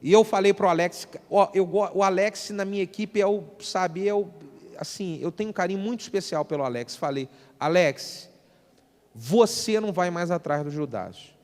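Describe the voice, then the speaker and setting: A man preaching a sermon, telling a story with animated delivery and acting out the people in it, at a live church service. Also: sits high, moderate pace, in a large hall. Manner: animated, acts out the people in his stories. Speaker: pastor. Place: church hall.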